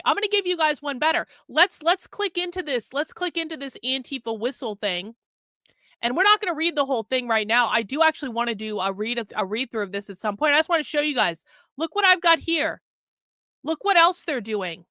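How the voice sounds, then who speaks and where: A woman's voice: sits high, sharp tone, no room sound. A woman hosting a casual livestream commentary, emphatic and sarcastic, repeating phrases for effect. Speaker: livestream host and self-described undercover reporter.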